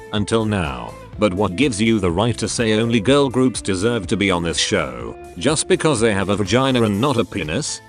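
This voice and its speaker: A male text-to-speech robot voice sitting fairly low, yet its pitch swings around a lot. It reads out a channel host's blunt, opinionated commentary. Faint music plays softly behind it. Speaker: channel host.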